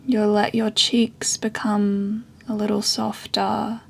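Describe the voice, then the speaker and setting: A yoga and meditation teacher guides a meditation in a soft, breathy female voice. Her pitch stays very even, and she moves unhurriedly with long pauses.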